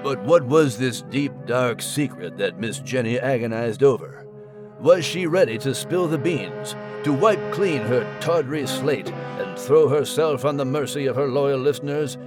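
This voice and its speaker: A man's voice: medium pitch, a little slow, over music, natural voice. A man voicing a showy male news reporter who loves puns, with a melodramatic newsreader delivery.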